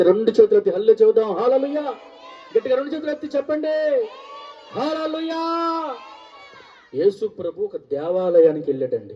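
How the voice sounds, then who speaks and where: Pastor, male, high voice, preaching with call-and-response; recorded from afar, muffled. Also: far from the mic. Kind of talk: sermon.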